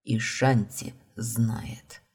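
A woman reading the lines of a young man, the heroine's blond brother, in a calm, guilty, soft-spoken way. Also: a bass voice, extremely slow, slightly rough, whispered, full character voice.

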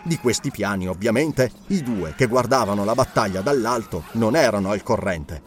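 A man narrating an adventure audiobook in a dramatic, expressive reading style. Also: lowish voice, normal speed, slight background noise.

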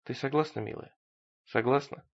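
A man's voice: mid-range voice, moderate pace, creaky, lo-fi sound, lightly acted. A man voicing a scheming man who coaxes his fiancée in a falsely tender way. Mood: coaxing.

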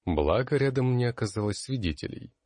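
A man narrating an audiobook in the first person with expressive storytelling. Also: mid-range voice, brisk, no room sound. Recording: dry close studio sound.

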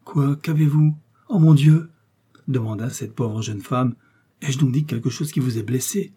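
Brief: earnest young novice, emphatic, dark breathy timbre, played by a man. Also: medium pitch, normal speed, natural voice. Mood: excited. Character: earnest, trusting young woman, a novice in a convent.

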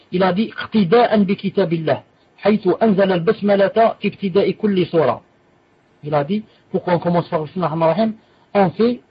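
High, husky man teaching a religious text. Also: muffled recording. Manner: explains patiently with repeated examples, switching between French and quoted Arabic. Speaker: Islamic teacher. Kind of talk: religious lesson explaining a classical text.

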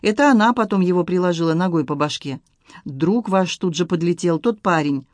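A woman's voice: on the low side, lively intonation, fairly quick, no room sound, clean studio sound, close to an everyday voice. A woman reading the lines of a guarded, wry man in an audiobook, matter-of-fact and slightly teasing. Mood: calm.

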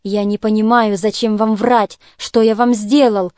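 A woman's voice: mid-range voice, level tone, measured pace, dry recording, clean studio sound, close to an everyday voice. Woman reading a jealous, pompous nobleman. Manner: indignant, self-righteous, shouting at times. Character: jealous, pompous nobleman husband, middle-aged. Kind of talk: audiobook character reading.

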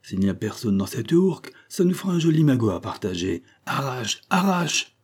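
A man voicing a gruff, bold old sea captain who barks orders in rough sailor slang. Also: medium pitch, sing-song, normal speed, a little mellow, pitched above the performer's own voice. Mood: gruff, bossy.

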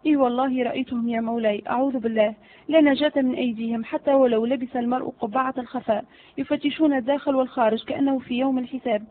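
Sly flattering servant man, read by a woman, high pitch, thin phone-like audio, storybook. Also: very fast, lightly acted. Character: cunning flattering male servant, scheming.

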